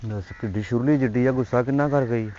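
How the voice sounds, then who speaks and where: Punjabi man, quick, cheeky flirt, lo-fi with faint noise. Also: medium pitch, mellow. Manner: cheeky, flirtatious, fast-talking. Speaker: comic actor as a flirting neighbour. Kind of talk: Punjabi comedy sketch acting. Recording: dull lo-fi audio with faint noise.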